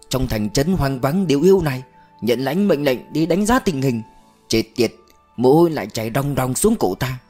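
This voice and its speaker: A man doing a gruff, burly officer in his forties. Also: mid-range voice, a little mellow. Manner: grumbling, cursing. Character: burly gruff middle-aged male officer.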